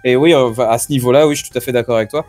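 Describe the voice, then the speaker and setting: A man's voice: mid-range voice, steady tone, racing, a little mellow, soft background music. Rambling man chatting on a call. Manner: rambling, lots of fillers and "tu vois". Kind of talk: casual group discussion over a call. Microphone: computer on a call.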